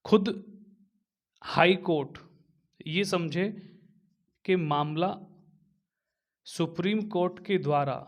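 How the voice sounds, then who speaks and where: Slow, repetitive male lecturer, fairly high. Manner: slow and repetitive, dictating notes while writing; explains step by step, with frequent fillers. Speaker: teacher. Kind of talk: exam-prep lecture.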